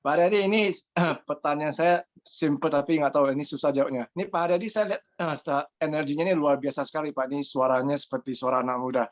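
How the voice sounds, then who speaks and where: A man in his forties who talks fast and politely, with a somewhat high voice. He asks his question respectfully. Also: steady tone. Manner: polite and deferential, addresses the other speaker as sir. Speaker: entrepreneur asking a question.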